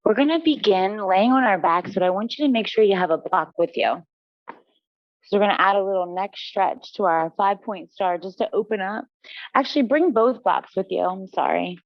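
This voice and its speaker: A woman teaching a live yin yoga class, giving gentle, unhurried cues and laughing lightly at herself now and then. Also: medium pitch, no echo. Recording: dull, dry studio recording.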